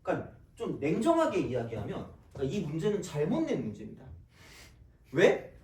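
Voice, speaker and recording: A man teaching math with a casual, joking manner, his voice swinging high and wide. He is picked up from across the room, with echo from the classroom walls. Faint background noise sits under his voice. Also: a little mellow. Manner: casual, joking, talks straight to students with quick asides. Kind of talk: recorded classroom math lecture. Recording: echoey classroom, mic at a distance.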